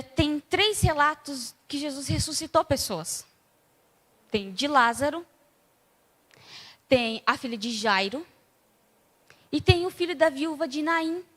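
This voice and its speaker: A Brazilian woman preaches in a casual, storytelling way, acting out each scene with lively energy. Her voice is high and bright. A long church-hall reverb trails behind her words. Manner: conversational, acts out scenes animatedly. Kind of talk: sermon.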